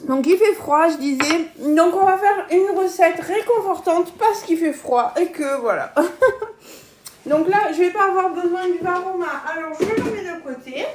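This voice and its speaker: A woman's voice: very high voice, unhurried, a little hiss or hum. A woman with a southern French accent, hosting a casual cooking live stream from her kitchen, chatting with viewers and laughing often. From south of France. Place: home kitchen.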